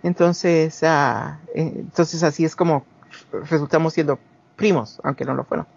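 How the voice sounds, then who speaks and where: This man's voice is fairly high, with fairly even intonation, a moderate pace, vocal fry and a breathy edge. He's a Guatemalan guest in his forties with a Guatemalan Spanish accent, casually rambling through personal stories full of restarts and performed quotes. The sound is dull lo-fi.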